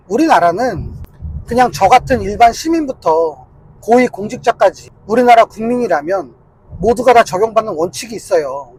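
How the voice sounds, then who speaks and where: A man's voice: high-pitched, darkish tone, a little hiss or hum, low-quality recording. A man giving a casual political commentary monologue, argumentative and insistent, repeating his points to hammer them home.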